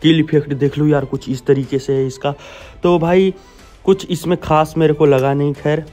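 A young Indian gaming YouTuber gives a blunt, casual update on a video game, speaking to viewers like friends into a close mic. His voice is on the high side, warm and steady, at a moderate pace, with background music.

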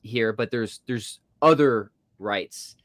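A man hosting a podcast interview, speaking in an affable, chatty way and quick to agree with his guest. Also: on the low side, a bit bright, dry recording, clean studio sound. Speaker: podcast host. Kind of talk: casual interview chat.

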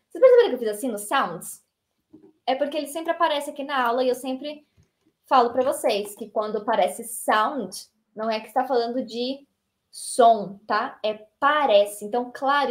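A woman with a Brazilian accent teaches an online English lesson in a lively, chatty way, often ending her points with a short tag question. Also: fairly high pitch. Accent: Brazilian Portuguese.

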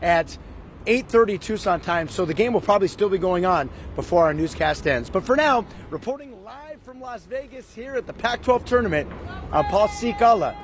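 Brisk male field reporter in his fifties, high bright voice, live outdoor stand-up, faint city hum behind. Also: lively intonation. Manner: brisk, upbeat broadcast delivery. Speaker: sports reporter. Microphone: handheld mic.

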